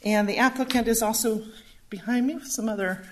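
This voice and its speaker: A woman with a fairly high voice walks a public hearing through a zoning staff report. She speaks in a measured way and reads steadily from her slides. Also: noisy background. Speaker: planning staff presenter. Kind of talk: formal public hearing presentation.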